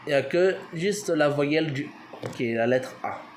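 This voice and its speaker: A man's voice: on the high side, moderate pace, a little hiss or hum. A man giving an informal language lesson, hesitant with many fillers, spelling words out letter by letter. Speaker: language teacher.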